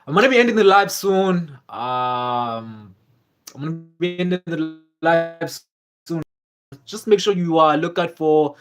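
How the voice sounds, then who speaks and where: A young South African livestream host with a slightly high voice rambles casually through his stream. He loops back on his words, relies on fillers, and reads viewer comments aloud as he goes.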